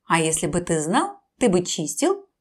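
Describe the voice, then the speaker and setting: A woman's voice: fairly low pitch, huge pitch swings, normal speed, husky, pitched below the performer's own voice, full character voice. A woman doing a ringing-voiced little bird. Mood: questioning. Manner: earnest, scolding.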